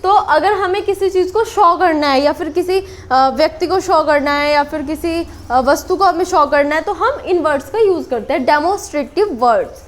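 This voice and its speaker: A woman teaching English in a casual spoken lesson. She explains slowly and repeats each word, with many fillers. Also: high voice. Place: small room with a board. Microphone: camera on a tripod.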